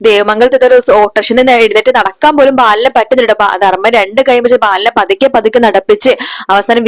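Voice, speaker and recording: Brief: woman narrator, fast chatty serial recap, slightly high voice, dry close sound. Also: dry recording. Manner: chatty, voices the characters' lines as she retells. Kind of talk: retelling a TV serial episode.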